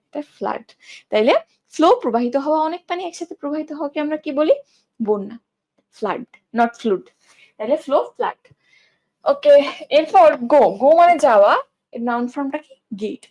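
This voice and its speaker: A woman's voice: high voice, a little mellow. A young woman teaching an online English class, asking questions and answering them herself as she drills word forms.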